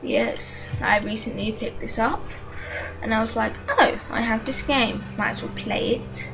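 A woman giving casual game commentary in a quiet but clear voice over laptop noise. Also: a little high, unhurried, music in the background. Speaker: gaming video host. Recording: noisy laptop hum in background.

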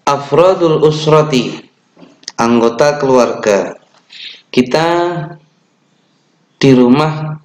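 A young man with an Indonesian accent teaching an online class to children. He talks slowly and patiently, with fillers and small self-corrections, and chants the opening prayer. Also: mid-range voice, a little hiss or hum. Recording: echoey room.

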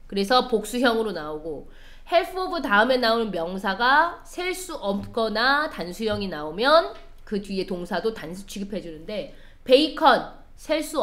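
A woman's voice: a little high, a bit bright. A woman teaching an English lesson, explaining line by line and quizzing her students as she goes. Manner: explains step by step, quizzes the class. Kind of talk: classroom lecture.

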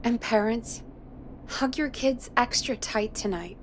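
An actress playing a caring, encouraging radio colleague in a video game, soothing and earnest. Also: female voice, fairly high pitch, takes it slowly, a little hiss or hum. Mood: reassuring.

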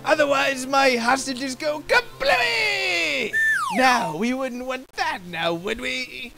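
Casting: gleefully menacing clown crime boss, theatrical and taunting, slow delivery over loud music. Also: male voice, very high voice, very animated, gravelly, exaggerated voice. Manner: theatrical, sing-song, taunting, with sudden swoops. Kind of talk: audio drama acting.

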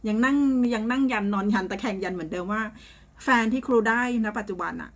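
A woman's voice: medium pitch, animated, fast talker. Chatty blunt woman teaching her students. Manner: chatty and blunt, often ending phrases with polite particles. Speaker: psychic and tarot teacher. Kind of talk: casual spoken lesson to students.

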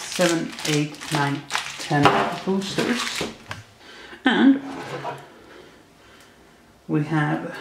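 Slightly high-pitched and edged with vocal fry, a man runs a relaxed unboxing video, punning wryly on every card. The unfurnished apartment room gives his voice an echo, over a faint background noise.

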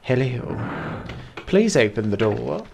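A Mancunian man streaming a game, his voice leaping wildly between high squeals and low grumbles. He reacts dramatically to the play and chats to viewers. A faint hiss of noise sits behind him. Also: slow pace, creaky. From Manchester, England. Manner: excitable and dramatic, swinging from squeals to mutters, talks to chat. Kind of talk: casual game streaming chat.

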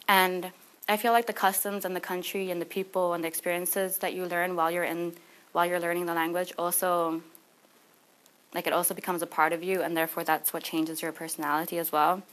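With a lowish, fairly bright voice, a young adult woman student talks conversationally and anecdotally during an informal presentation in a small classroom. The camera sits a few meters away, and the audio is poor.

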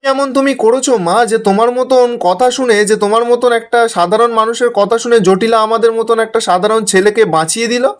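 A resentful young prince who questions and accuses, read by a man in his own high voice. His lines are read plainly as part of a spoken recap. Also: fairly even intonation, a little fast, few pauses. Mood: accusing.

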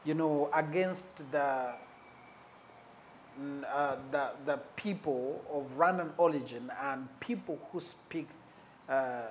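A man giving unscripted commentary on politics, measured and pausing often, leaning hard on key words. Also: fairly high pitch, slight background noise. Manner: stresses key words for emphasis.

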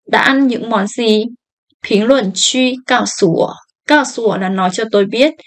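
A woman teaching a language lesson, reading each phrase slowly and then explaining it. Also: on the high side. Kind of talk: slow line-by-line language lesson.

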